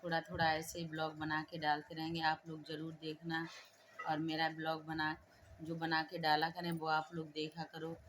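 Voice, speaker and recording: Low-voiced woman explaining at home. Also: completely flat delivery, normal speed, fairly bright tone, a little hiss or hum. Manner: coaxing, repeats prompts to the child; plain, matter-of-fact explaining. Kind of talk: casual home vlog.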